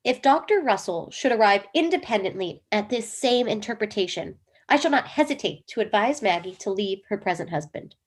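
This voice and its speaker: A woman's voice: medium pitch, animated, moderate pace, few pauses, lightly acted. A woman reading the role of an earnest wife devoted to dream analysis, with an emphatic, theatrical delivery in a comic play reading. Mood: lecturing.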